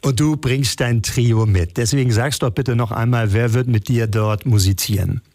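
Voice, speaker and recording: A man's voice: mid-range voice, moderate pace, darkish tone, no echo, clean studio sound. A man hosting a radio interview, asking friendly questions. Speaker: radio host.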